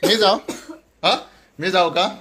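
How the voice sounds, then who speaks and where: A man's voice: sits high, slow pace, pushed and bright, a little hiss or hum. A man hosting a casual couple vlog, teasing his wife and then sheepishly apologizing. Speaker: vlogger husband.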